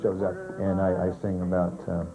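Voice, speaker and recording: Low gravelly man chatting. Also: monotone, normal speed, music in the background, rough recording. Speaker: performer being interviewed. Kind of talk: casual interview talk.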